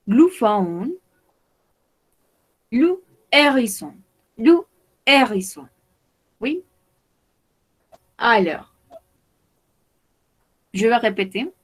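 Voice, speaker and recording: Woman, French teacher, very slow careful delivery, repeats each word. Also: a little high, a little mellow. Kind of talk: slow vocabulary lesson for Spanish speakers.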